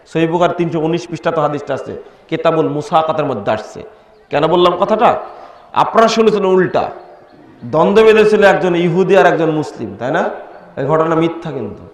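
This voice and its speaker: A man preaching an impassioned sermon, firing rhetorical questions at his listeners. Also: high voice. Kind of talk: Islamic sermon. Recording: echoey hall, speaker far from mic.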